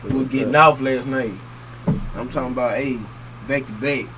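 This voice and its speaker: A man's voice: medium pitch, fairly even intonation, moderate pace, noisy background. A man chatting casually and in slang as a rapper guest on an interview. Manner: slangy, informal. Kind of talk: casual chat.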